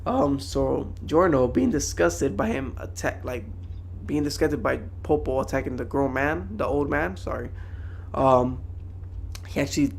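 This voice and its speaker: A man's voice: mid-range voice, a little slow, gravelly, slight background noise. A young man giving a casual, slangy, rambling anime review to viewers.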